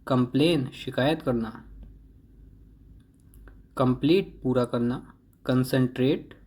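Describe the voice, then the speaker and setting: Male teacher, slow and careful delivery, reads a word list and stresses correct pronunciation. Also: medium pitch, darkish tone. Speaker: English vocabulary teacher. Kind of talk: reading a word list with Hindi meanings.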